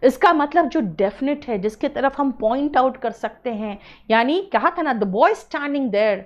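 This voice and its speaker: A young Indian-accented woman teaches an English class from a small studio, with a fairly high voice. Her pitch swings widely as she explains patiently, and she slows right down to spell out example phrases for her students. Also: expressive, highs cut off. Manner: explains patiently, addresses students as beta, drills pronunciation slowly. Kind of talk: online exam-prep class lecture.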